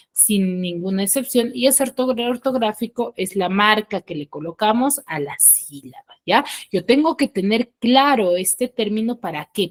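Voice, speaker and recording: A woman teaching an online class at a middle pitch. She explains each point step by step and stresses her rhetorical questions. She checks in with students all the time. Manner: rising emphatic questions answered by herself. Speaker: school teacher.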